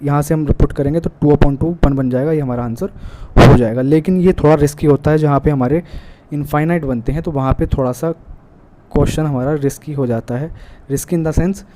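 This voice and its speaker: A man's voice: a little high, dark tone. A man with an Indian accent teaching an exam-prep math lesson, working through problems step by step and mixing in English math terms. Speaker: math tutor. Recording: faint background noise.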